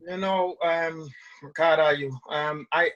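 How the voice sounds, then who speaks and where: A man's voice: a little high, steady tone, slow, a bit bright, muffled recording. A middle-aged man playing a boastful, crude fighting legend, stumbling and rambling as he takes callers on a video call. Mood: cocky. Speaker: show host taking callers.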